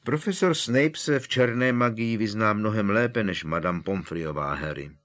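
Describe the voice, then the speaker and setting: A man voicing a calm, wise elderly headmaster in an audiobook reading, measured and soothing. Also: on the low side, close to an everyday voice. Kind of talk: audiobook character voice.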